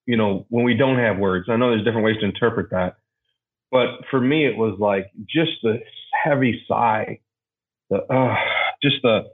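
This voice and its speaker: A man as a podcast guest, talking reflectively and haltingly, often restarting as he searches for words. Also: fairly low pitch. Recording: tinny phone-like line.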